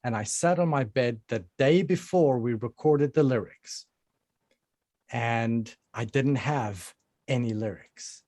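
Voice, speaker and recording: A musician answering interview questions bluntly over a laptop microphone, with plenty of fillers. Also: male voice, medium pitch, takes it slowly, warm tone, dry recording, studio quality. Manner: blunt and defiant, with many fillers. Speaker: musician guest. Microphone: laptop microphone on a call.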